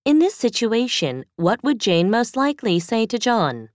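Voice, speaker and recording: Female reader for test audio, animated intonation, dead-dry booth sound. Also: a little high, normal speed, no echo. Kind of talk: scripted exam listening narration.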